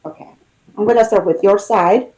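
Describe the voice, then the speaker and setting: A woman giving an unscripted, intimate tarot reading, pausing and thinking aloud as she talks to the listener. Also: medium pitch, dark tone, slight background noise, rough recording. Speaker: tarot reader.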